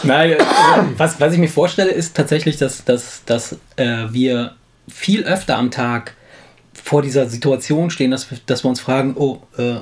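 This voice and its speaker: A man's voice: medium pitch, normal speed, a little hiss or hum. Rambling man chatting on a podcast. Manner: rambling, restarts words often, laughs easily. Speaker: podcast co-host. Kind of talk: casual chat.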